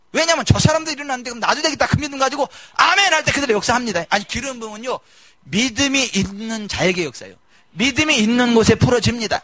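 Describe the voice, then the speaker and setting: High-voiced animated male pastor preaching. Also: dry recording. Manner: animated preaching, mimicking congregants, shouting emphases. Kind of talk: sermon. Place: church sanctuary.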